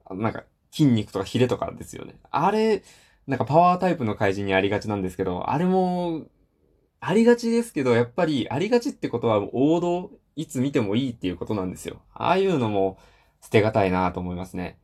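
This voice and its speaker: A man's voice: medium pitch, darkish tone. A man hosting a casual solo talk show, rambling with many fillers and self-deprecating asides. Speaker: solo podcast host.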